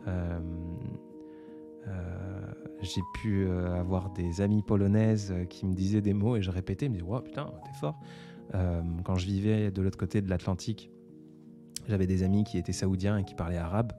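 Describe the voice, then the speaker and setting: A man's voice: sits low, level tone, moderate pace, over music. A man in his twenties hosting a casual live stream, answering viewer comments in a hesitant, reflective way with many fillers. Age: 20s. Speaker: livestream host.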